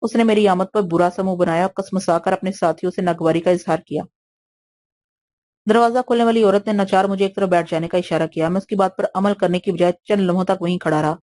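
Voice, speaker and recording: A woman narrating an audio novel in a steady, even storytelling manner. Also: lowish voice. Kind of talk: scripted narration.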